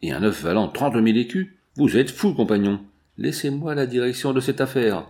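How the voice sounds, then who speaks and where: A man's voice: mid-range voice, sing-song, normal speed, a little mellow. A man voicing a mocking, cruel male bandit chief who taunts with facetious jokes. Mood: scornful.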